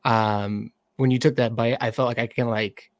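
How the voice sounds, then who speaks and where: A man's voice: medium pitch, steady tone, normal speed, no room sound. A man giving hesitant, filler-heavy feedback as a cooking judge over a video call.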